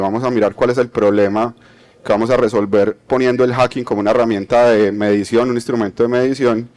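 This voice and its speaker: A Colombian man with a Medellín accent gives an explanatory conference talk, checking in with his audience as he goes. His voice is fairly low and a little mellow, and his delivery is full of fillers, restarts, and tag questions.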